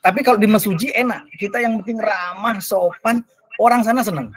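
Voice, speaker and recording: A man who is a teacher and podcast guest, telling stories in an animated, emphatic way. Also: brisk, crowd noise, low-quality recording. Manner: lively, emphatic, with big swings in pitch. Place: studio.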